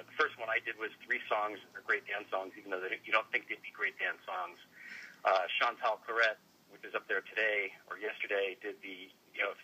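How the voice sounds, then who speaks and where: Husky, very bright man, radio guest. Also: fairly low pitch, rough recording. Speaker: interview guest, website editor. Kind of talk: casual radio interview.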